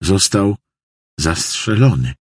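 A man's voice: mid-range voice, animated, moderate pace, darkish tone, no room sound, pitched above the performer's own voice, close to an everyday voice. A man doing a shaken, frightened old church janitor. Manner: raised, earnest, insistent voice.

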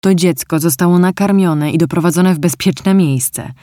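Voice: mid-range voice, normal speed, darkish tone, no echo, clean studio sound, close to an everyday voice. A storyteller voicing a grown man, a guarded stranger who speaks bluntly and ironically. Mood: angry.

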